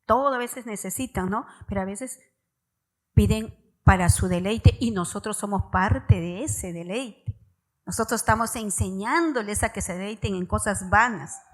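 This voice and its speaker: A woman's voice: mid-range voice, moderate pace, low-quality recording. Emphatic woman preaching to parents. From Peru. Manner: direct, emphatic address to parents, stressing key words. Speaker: church preacher. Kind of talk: sermon. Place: church service.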